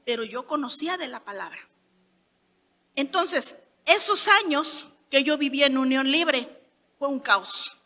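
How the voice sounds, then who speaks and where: A middle-aged Mexican woman from Hidalgo giving an emphatic sermon testimony, rising to loud declarations. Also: high voice, measured pace, long pauses. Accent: Mexican Spanish. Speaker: preacher. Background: soft keyboard music.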